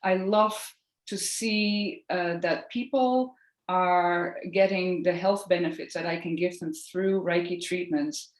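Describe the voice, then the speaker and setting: A woman from the Netherlands with a Dutch accent, in her thirties, talking earnestly and gently as a podcast guest. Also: on the low side, fairly even intonation, takes it slowly, roomy sound. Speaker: podcast guest, Reiki practitioner. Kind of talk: casual interview chat.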